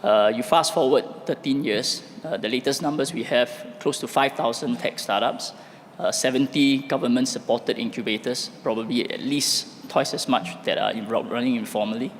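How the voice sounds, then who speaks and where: A hoarse man giving an opening address at an event, halting with many fillers and restarts. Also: mid-range voice. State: losing his voice, hoarse. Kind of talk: impromptu public speech. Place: event hall at a startup festival. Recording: reverberant hall, faint noise.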